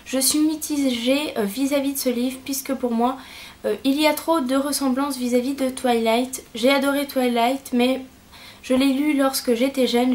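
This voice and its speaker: High-voiced young woman reviewing a book. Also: darkish tone. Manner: hesitant, frequent filler pauses. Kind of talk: casual book review vlog.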